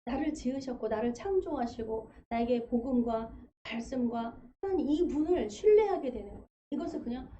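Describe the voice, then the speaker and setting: A woman pastor delivers a sermon in a high, mellow voice and tells stories casually, bringing in quoted voices along the way. The audio is dull, like a livestream, with a faint hiss behind it. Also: fairly quick, hardly any pauses. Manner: conversational, animated storytelling with acted quotes. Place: church sanctuary.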